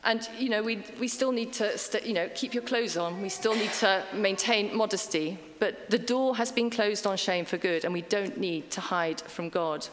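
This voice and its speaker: A woman's voice: mid-range voice, normal speed, few pauses, a little hiss or hum. A middle-aged woman giving a conversational sermon, chatty and self-deprecating with frequent ums and asides. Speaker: preacher. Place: church hall. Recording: long hall reverb.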